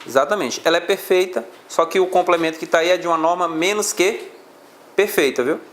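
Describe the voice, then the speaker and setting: A man's voice: high voice, a little fast, fairly bright tone. A male law teacher with a Brazilian Portuguese accent, lecturing a class on exam questions and explaining step by step.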